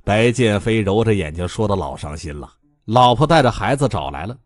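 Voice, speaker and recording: Lively male audiobook narrator. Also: fairly low pitch, fairly quick, no room sound, soft background music. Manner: animated, comic storytelling. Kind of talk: scripted storybook narration.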